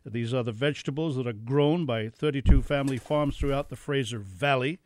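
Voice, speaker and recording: A man who grew up in Europe hosts a radio morning show, joking and asking quick questions. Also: medium pitch, darkish tone. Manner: jokey, brisk interviewer. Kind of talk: casual radio hosting. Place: radio studio.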